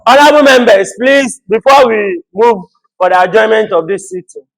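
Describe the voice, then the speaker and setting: A man's voice: high-pitched, normal speed, gravelly, poor audio. A man presiding over a youth parliament as speaker, formally and firmly calling members to order.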